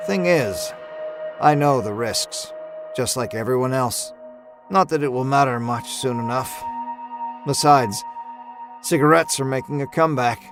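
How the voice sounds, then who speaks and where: Unhurried and pausing often, a medium-pitched male narrator tells a first-person horror tale from a script. His delivery is dry, restrained, and theatrical, set over a musical score in the background.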